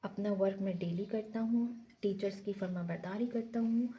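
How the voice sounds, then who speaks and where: Woman teacher, mellow voice. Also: mid-range voice, normal speed. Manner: explains step by step, repeating key points. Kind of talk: casual lesson walkthrough.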